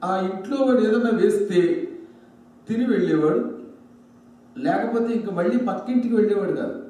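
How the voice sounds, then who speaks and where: A man giving a religious storytelling sermon into a microphone, lively and full of humorous asides. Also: high voice, a little fast. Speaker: religious discourse speaker. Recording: very echoey hall, distant mic.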